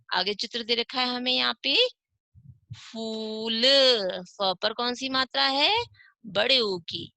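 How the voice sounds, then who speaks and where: A woman's voice: a little high, creaky, sharp tone, dry recording. A woman teaching an online class to young children, sounding out words syllable by syllable and asking the class questions. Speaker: primary school teacher.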